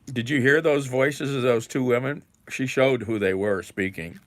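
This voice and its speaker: A man hosting a casual live chat, rambling and musing aloud with soft chuckles. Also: mid-range voice, moderate pace, no room sound. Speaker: livestream host.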